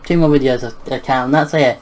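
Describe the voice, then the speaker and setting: A man reading a manga aloud and commenting on it casually, with offhand asides, chuckles and halting restarts. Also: medium pitch, a little mellow, slight background noise. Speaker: manga reader and reviewer.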